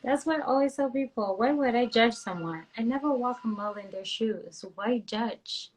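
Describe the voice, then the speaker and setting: Earnest woman from Barbados, fairly high voice. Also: moderate pace, poor audio. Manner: earnest, agreeing, laughs often. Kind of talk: casual podcast chat.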